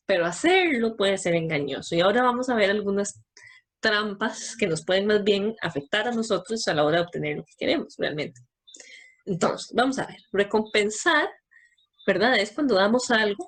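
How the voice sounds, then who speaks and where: A woman giving a talk to parents, explaining step by step and answering her own questions. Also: medium pitch.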